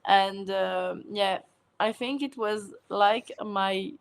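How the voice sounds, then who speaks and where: Guest: woman, unhurried and hesitant, filler-heavy, laughs often. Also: mid-range voice, vocal fry, smooth. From Mauritius. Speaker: guest, food content creator. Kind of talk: casual interview answers.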